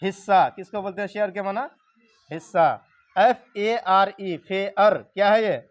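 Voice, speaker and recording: Guy teaching grammar real slow, high voice, keeps asking the class to repeat. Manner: call-and-response drilling, repeats questions to the class.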